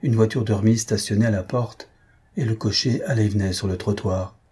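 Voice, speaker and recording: A man narrating a classic story in a steady audiobook reading. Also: lowish voice, a little fast, slightly rough.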